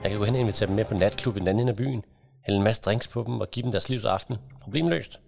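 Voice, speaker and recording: A man's voice: fairly low pitch, creaky, music in the background. A man voicing an eager, cocky young male agent in an audiobook. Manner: eager, brash.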